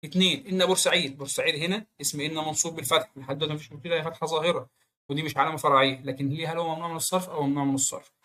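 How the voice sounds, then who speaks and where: A man with an Egyptian accent teaching Arabic grammar, quizzing the viewer with quick rhetorical questions. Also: on the high side, fairly even intonation, pushed and bright, a little hiss or hum. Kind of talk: online grammar lesson.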